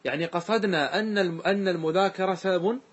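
A man's voice: high-pitched, fast, breathy edge, lo-fi sound. A man, a sheikh giving a classroom grammar lesson, explaining step by step, repeating examples and quizzing his students.

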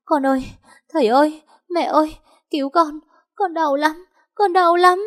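A woman's voice: on the low side, animated, a little fast, darkish tone. A woman voicing a young pregnant woman who turns from affectionate to shrieking and sobbing in pain. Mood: wailing.

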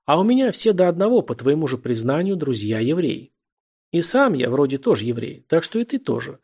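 An earnest, naive young man, easily startled and quick to get excited, as a male narrator puts him on. The reading keeps a gravelly, slightly husky texture. A literary audiobook figure with an innocent, impassioned way of talking. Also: medium pitch. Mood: heated.

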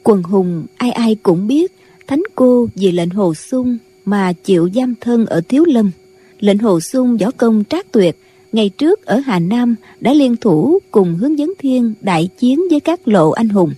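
A woman narrating a martial-arts audiobook in a measured storytelling manner. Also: a little high, lively intonation, mellow, slightly rough. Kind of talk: scripted narration.

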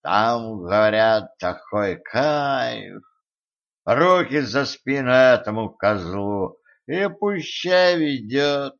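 A man voicing a drunk young male liquidator who drawls slowly and slurs his words. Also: mid-range voice, expressive, a bit bright, highs cut off, exaggerated voice. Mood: dreamy. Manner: slow drawling, tipsy.

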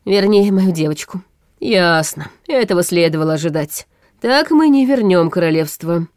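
A woman's voice: lowish voice, expressive, moderate pace, a little mellow, dry recording, studio quality, natural voice. A woman reading a storybook audiobook, voicing a weary, anxious older male chancellor who speaks in a gloomy, hesitant way.

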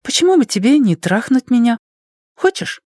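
A man reading an audiobook, voicing a blunt, eager young woman in a raised, breathy, forward tone. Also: very high-pitched, sing-song, normal speed, darkish tone, no room sound, studio quality, voice pushed up, exaggerated voice. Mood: brazen.

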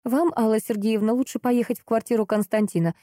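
A woman narrator voicing a capable young woman who gives brisk orders in an emergency. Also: fairly high pitch, steady tone, warm tone, dry recording, clean studio sound, voice pushed up, lightly acted. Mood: brisk, commanding.

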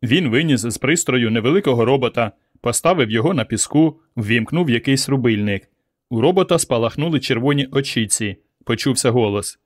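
A man reads a story aloud in a steady, even audiobook narration. His voice sits in a middle pitch. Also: brisk.

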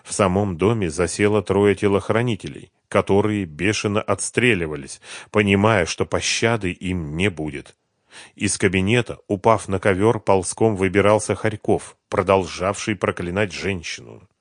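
A man narrating an audiobook in an even, measured reading. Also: low-pitched, no room sound, studio quality. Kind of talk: scripted narration of a thriller novel.

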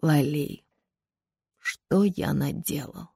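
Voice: medium pitch, extremely slow, creaky, mellow, breathy edge, no room sound, clean studio sound, heavily acted. An audiobook narrator voicing a heartbroken grown son who pleads with his mother. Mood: remorseful. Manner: pleading, tearful.

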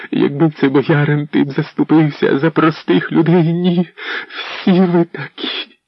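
A man's voice: fairly high pitch, flat delivery, unhurried, no room sound, pitched above the performer's own voice. A man reading aloud and voicing a desperate peasant woman who wails and begs to save her son. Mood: pleading, frantic. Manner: wailing, frantic. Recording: dull lo-fi audiobook recording.

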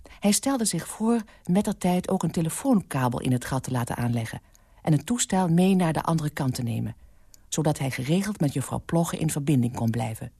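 A woman reading a story aloud for radio in a calm, measured narration, close to a studio mic. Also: deep voice, slightly rough, no room sound. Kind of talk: scripted narration.

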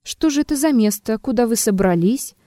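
A woman's voice: on the high side, expressive, normal speed, darkish tone, no room sound, clean studio sound, lightly acted. A woman voicing a sneering insolent blackmailer. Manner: sneering and rude. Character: insolent, mocking male blackmailer.

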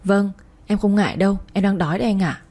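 A woman's voice: medium pitch, fast talker, dark tone, natural voice. Woman reading as a humble young tea seller. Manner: polite, deferential. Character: humble thirty-year-old street tea seller man.

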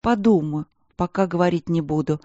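A soft-spoken, worried queen, as a woman narrator plays her, gentle more than stern, with a dark, mellow tone. She talks low and warmly, her sadness close to the surface. A dry, somewhat dull audiobook recording. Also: moderate pace, no echo, natural voice. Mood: sad. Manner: soft, anxious, firm then yielding. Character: gentle worried young queen, older sister.

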